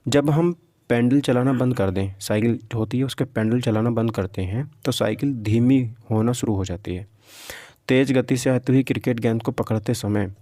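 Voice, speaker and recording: A man with a mellow, medium-pitched voice teaches physics for exam preparation in an informal lecture style. He reads out questions and explains them, often repeating himself and checking that listeners follow, in clean studio sound with no room sound.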